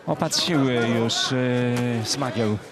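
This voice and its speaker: A man giving live boxing commentary in a conversational manner, often pausing with fillers. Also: medium pitch, noisy background.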